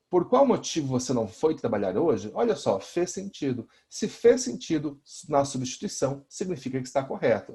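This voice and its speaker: Lively Brazilian teacher with a mellow voice. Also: male voice, a little high. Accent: Brazilian Portuguese. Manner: explains step by step, often checks in with the class. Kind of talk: recorded lesson for students.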